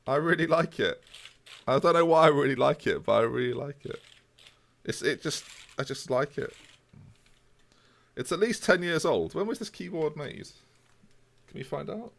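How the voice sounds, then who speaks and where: A man's voice: fairly high pitch, lively intonation, moderate pace, vocal fry, long pauses. A man, chatting casually with viewers on a live stream. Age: 20s. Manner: chatty, jokey, answers chat.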